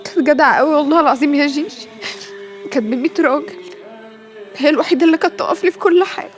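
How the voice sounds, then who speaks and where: A woman's voice: high-pitched, rapid-fire, faint music behind, lightly acted. An actress playing a grieving young mother with an Egyptian Arabic accent, lamenting a lost friend. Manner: tearful, lamenting.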